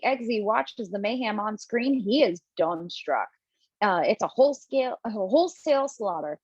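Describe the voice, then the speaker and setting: At a remote online table read, a woman reads stage directions as scripted narration, now and then stumbling over words. Her voice is fairly high with a breathy edge. The call audio is dull, dry and lo-fi, with no echo.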